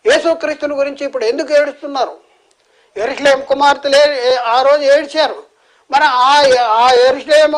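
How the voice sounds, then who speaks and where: A man's voice: very high-pitched, rough recording. A Telugu-accented man from India gives an earnest sermon, asking many rhetorical questions and often restarting his words. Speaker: preacher.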